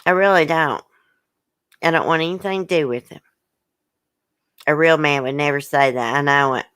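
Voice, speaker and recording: A woman's voice: low-pitched, moderate pace, fairly bright tone, clean tone, dry recording, clean studio sound. A woman hosting a livestream, upset and hurt, bluntly venting and reading viewer comments aloud in casual, swearing speech. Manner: emotional, blunt, colloquial, swears. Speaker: YouTube channel host.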